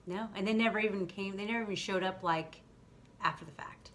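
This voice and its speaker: A woman's voice: medium pitch, steady tone, fast. A woman hosting a vlog, explaining things in loose, rambling casual chat. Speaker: vlog host. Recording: faint background noise.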